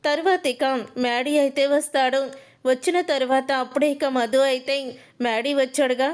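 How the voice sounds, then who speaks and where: A woman narrating a recap of a TV serial episode in a steady retelling style with repeated fillers. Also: high-pitched, moderate pace.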